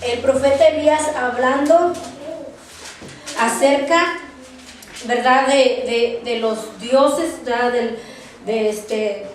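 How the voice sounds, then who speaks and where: A woman teaching a Bible class, speaking haltingly, repeating words and often checking in with her listeners. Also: on the high side, slight background noise. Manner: halting, repeats words, tags phrases with "¿verdad?"; spells words out slowly for note-taking. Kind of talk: Bible study lecture. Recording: very echoey room, distant mic.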